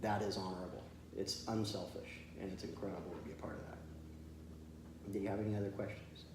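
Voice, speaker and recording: A man's voice: deep voice, fairly even intonation, brisk. Man talking in a very echoey room. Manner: chatty and good-humored, laughs as he tells stories. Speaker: military veteran interviewee. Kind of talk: casual storytelling in an interview. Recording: very echoey room with faint noise.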